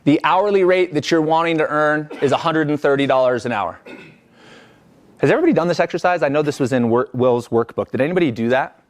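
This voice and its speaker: A man's voice: fairly high pitch, quick pace. A man leading a live business coaching workshop, talking energetically and conversationally and checking in with the group.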